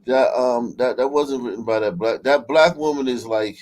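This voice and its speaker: This livestream host has a mid-range, slightly mellow voice and talks at a moderate pace. He chats casually, swears, and keeps repeating and restarting what he says. Background noise can be heard clearly.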